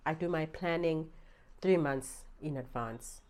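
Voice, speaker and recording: A young South African woman with a South African accent, vlogging a storytime, animated and swearing freely, swinging between quiet asides and loud outbursts. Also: deep voice, unhurried. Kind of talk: storytime vlog. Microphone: small handheld gimbal camera.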